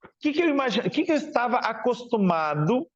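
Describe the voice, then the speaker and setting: A man's voice: very high voice, big pitch swings, brisk, muffled recording. A man from Porto Alegre with a southern Brazilian accent, teaching a classroom lecture and often asking the class questions. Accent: Brazilian Portuguese, Porto Alegre. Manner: questioning, chatty, ends phrases with tag questions.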